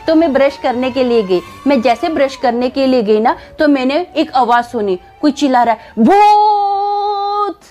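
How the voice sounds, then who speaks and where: A woman's voice: high-pitched, brisk, few pauses, a little mellow, soft background music. A woman telling a story in a casual, chatty way, laughing at it as she goes. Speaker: storyteller vlogger.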